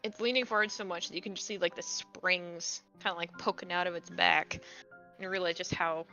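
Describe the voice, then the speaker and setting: A woman's voice: fairly low pitch, fairly even intonation, moderate pace, sharp tone, muffled recording, faint music behind. A woman game master narrating a tabletop game in a casual, conversational way.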